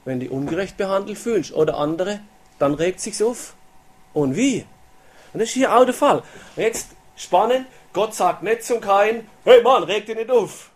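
A man's voice: high-pitched, animated, moderate pace. A man preaching a casual sermon, often asking his listeners "oder?" and acting out the voices of people in the Bible story.

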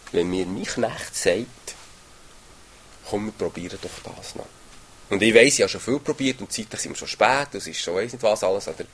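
Husky preacher, conversational. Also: male voice, fairly low pitch, lively intonation, fairly quick, few pauses, a bit bright. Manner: conversational, often ends phrases with a questioning "oder?". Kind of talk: sermon explaining a Bible passage.

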